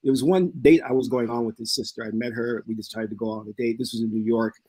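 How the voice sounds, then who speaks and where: A soft-spoken man who calls himself meek, telling an anecdote in casual discussion. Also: mid-range voice, fairly even intonation, fast, breathy edge.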